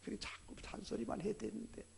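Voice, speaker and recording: A man preaching a sermon as a pastor, animated, acting out family dialogue. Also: sits high, fast talker, creaky, a little hiss or hum.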